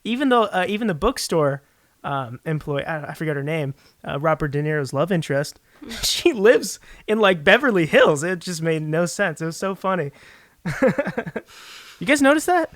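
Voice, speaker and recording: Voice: mid-range voice, big pitch swings, moderate pace, a bit bright, dry recording, studio quality. A podcast guest talking casually about a film, joking and laughing often.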